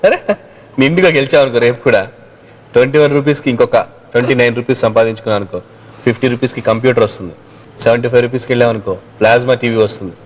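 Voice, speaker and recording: A man's voice: mid-range voice, racing, a little hiss or hum. A man hosting a TV quiz show, teasing a young contestant playfully and reading out contest instructions announcer-style. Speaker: game show host.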